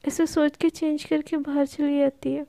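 A woman's voice: sits high, little pitch movement, moderate pace, creaky, mellow, no echo. A woman narrating a love story in a casual, chatty way, acting out the characters as she goes.

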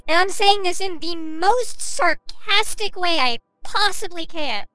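A woman's voice: extremely high pitch, lively intonation, measured pace, sharp tone, no echo, faint music behind, rough recording. A woman streamer giving casual gameplay commentary, sarcastic and swearing freely.

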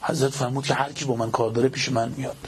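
A man's voice: mid-range voice, steady tone, breathy edge. A man preacher telling a religious story in a fervent, dramatic way, acting out the quoted lines.

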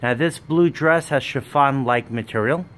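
At a moderate pace, a man who runs a wholesale business walks through his warehouse full of dress racks, listing goods one by one in a plain sales pitch. He records on a handheld phone camera and is never seen.

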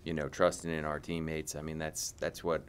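A man's voice: a bass voice, completely flat delivery, moderate pace, slight background noise. A middle-aged man, a basketball head coach, answering reporters after a game in a blunt way, often repeating and restarting his phrases. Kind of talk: postgame press conference answers. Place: press conference room.

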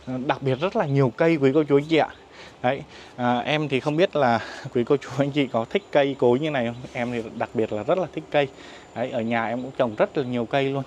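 A man in the middle of a walking tour of a property, talking to viewers in a polite, deferential way and filling pauses with hesitations. His voice sits at an ordinary pitch and is picked up outdoors on a handheld phone, with a faint hiss and the sound of the open air behind him. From Vietnam. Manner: polite and deferential, frequent fillers, addresses viewers respectfully. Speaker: real estate agent giving a property tour. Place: outdoors at a riverside farm resort.

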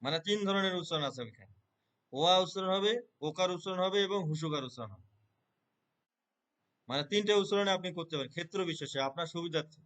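Earnest man with a high-ish voice. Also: a bit bright. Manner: earnest, repeats filler words, chants verses rapidly in recitation. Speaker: Gita reciter. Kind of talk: conversational interview answers.

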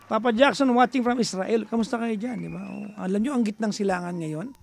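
Filipino male radio host, high gravelly voice, playful teasing banter with listeners, studio mic. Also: brisk, a little hiss or hum. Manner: chatty, mixes Tagalog and English, teasing, playful; bursts into loud, high exasperated rants. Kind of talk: casual radio talk with listeners.

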